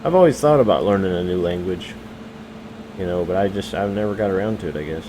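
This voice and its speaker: A young man from the US talks to his chat in a relaxed, rambling way, full of fillers and second guesses. His voice sits low and dark. A faint fan hum runs underneath the home mic. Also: fast, rough recording. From United States. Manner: rambling, hesitant, lots of fillers and self-corrections. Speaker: streamer. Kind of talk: casual live-stream chat with chat readers.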